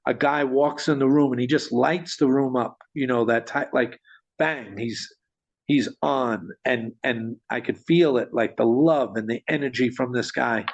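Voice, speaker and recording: A man telling a story in conversation, animated, with frequent restarts and small chuckles. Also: medium pitch, a little slow. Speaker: guest storyteller. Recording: dull lo-fi sound.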